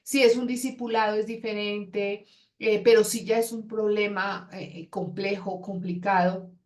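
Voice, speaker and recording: A woman's voice: mid-range voice, fairly even intonation, unhurried, darkish tone. Woman teaching a counseling class, chatty, acts out little dialogues as she talks. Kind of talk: classroom lecture.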